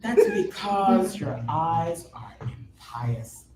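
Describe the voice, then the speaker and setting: A man's voice: a little high, big pitch swings, extremely slow, background noise, heavily acted. An actor playing a sly, mocking young male god in a stage reading, teasing with witty wordplay. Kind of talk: stage reading of a musical play. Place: theater stage. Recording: roomy echo from a distant mic.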